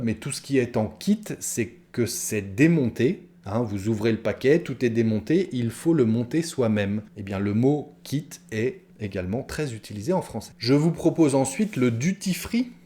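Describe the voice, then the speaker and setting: A man giving an online French lesson, speaking straight to his viewers in a lively, chatty way with many asides and fillers. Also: mid-range voice. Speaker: French teacher.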